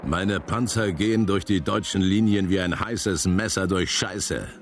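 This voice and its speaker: An actor reading out the quotes of a crude, swaggering American army general in a documentary. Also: male voice, deep voice, measured pace, over music. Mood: boastful.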